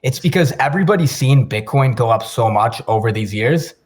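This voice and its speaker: A man of middle pitch speaks in a measured, lecturing way. He lays out his points as a co-host in a casual podcast chat. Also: expressive.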